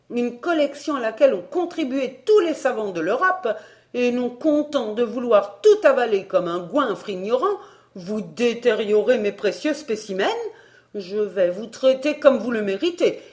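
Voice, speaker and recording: Spiteful hunchbacked gnome, shrill and yelping, voiced by a woman narrator, loud and high. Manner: shrill, yelping when angry. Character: pedantic spiteful hunchbacked male gnome geologist.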